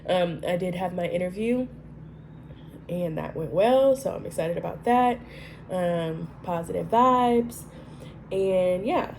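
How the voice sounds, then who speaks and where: A woman vlogger chats casually to her viewers from home, her voice stuffy and nasal with a cold. She sits a little low in pitch and keeps calling her audience y'all. A faint hiss runs underneath. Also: dark tone, poor audio. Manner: chatty, addresses viewers as y'all. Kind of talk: casual chat to camera.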